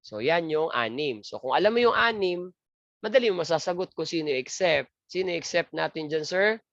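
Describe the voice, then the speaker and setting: A man's voice: fairly high pitch, expressive, moderate pace, creaky, fairly bright tone, no room sound. A man giving an exam review lecture, joking crudely and asking and answering his own questions. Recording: dry, muffled lo-fi lecture audio.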